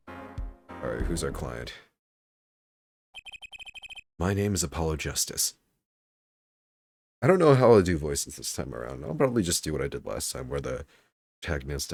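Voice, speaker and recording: A man's voice: a bass voice, creaky, a little mellow, husky, no room sound, clean studio sound. A man streaming a game, chatting casually and offhandedly between lines of dialogue, with occasional swearing. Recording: game music playing behind.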